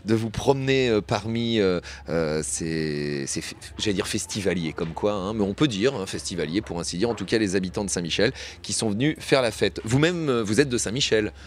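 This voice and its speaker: Brief: rambling, playful live-radio host, low voice, faint crowd murmur around. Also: male voice, animated, a little fast, hardly any pauses, slight background noise. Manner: chatty, rambling, playful with many fillers. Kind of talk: live community radio hosting. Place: outdoors at a neighbourhood fête. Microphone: radio studio mic set up outdoors.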